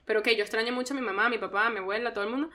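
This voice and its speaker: A young Venezuelan woman speaks as a guest on a casual podcast, her voice high and sharply bright. She talks in an animated, slangy way and breaks into laughter often. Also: very fast.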